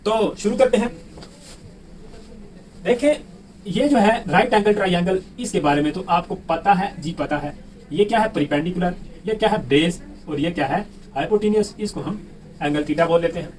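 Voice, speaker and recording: High-voiced male math teacher, quizzing. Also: normal speed, a little mellow. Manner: quizzes listeners with rhetorical questions and answers them himself; repeats key words for emphasis. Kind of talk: explaining a math lesson. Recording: distant mic with faint background noise.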